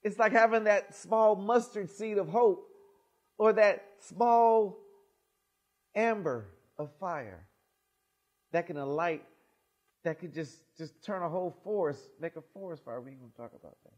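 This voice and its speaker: A middle-aged male pastor preaching from a pulpit in a small church, his voice sitting high for a man. He reads scripture and explains it in an animated way, rising loud and dropping to near quiet. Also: unhurried, dull audio. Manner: animated, expressive, loud and soft swings. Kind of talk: sermon with gospel reading. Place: small church sanctuary, indoors.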